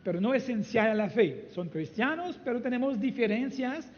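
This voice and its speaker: High-voiced man preaching in a hall. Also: expressive, normal speed. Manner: conversational teaching with rhetorical questions. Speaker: pastor. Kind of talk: sermon. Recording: dull, reverberant hall recording.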